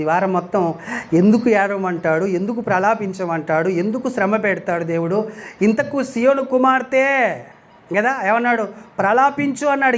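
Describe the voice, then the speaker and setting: A man's voice: sits high, a little hiss or hum. A man preaching a sermon to a gathering, emphatic, asking rhetorical questions and repeating scripture lines aloud.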